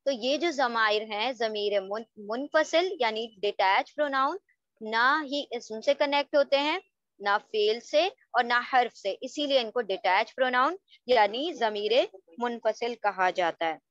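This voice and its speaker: A woman's voice: a little high, animated, unhurried, a bit bright, no room sound. A woman teaching an Arabic grammar lesson, patiently drilling word tables aloud for students to repeat and often checking that they follow. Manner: checks understanding with frequent rhetorical questions. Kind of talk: online language lesson. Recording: dull, lo-fi dry recording.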